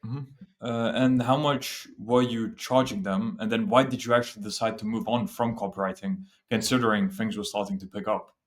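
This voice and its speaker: A man's voice: fairly low pitch, steady tone, normal speed. A man hosting an interview, giving short prompts and follow-up questions. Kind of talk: casual interview.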